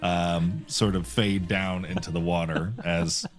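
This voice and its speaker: A man narrating a tabletop game as game master, rambling and halting with many fillers. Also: low-pitched, fairly even intonation, faint music behind.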